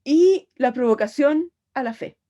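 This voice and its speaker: High-voiced woman teaching the Bible. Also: expressive, unhurried, mellow, muffled recording. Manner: storytelling, dramatic retelling of gospel scenes. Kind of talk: pastoral Bible lecture.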